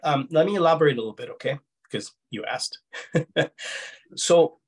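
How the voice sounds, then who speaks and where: This middle-aged man, tied to Egypt, Kuwait and Canada, speaks at a normal speed in a slightly high voice with a faint foreign accent. His reflective interview answers come hesitantly and are often reworded, and the video call audio sounds husky.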